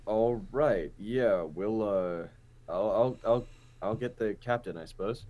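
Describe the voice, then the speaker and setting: A man's voice: lowish voice, slow pace, warm tone. A man voicing a flustered middle-aged guard captain who stumbles and hesitates over his words. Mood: unsure.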